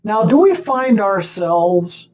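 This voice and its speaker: Slow, lively-pitched older man preaching. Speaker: pastor. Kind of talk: sermon. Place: small chapel set with stained-glass backdrop, indoors. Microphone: webcam facing him at desk distance.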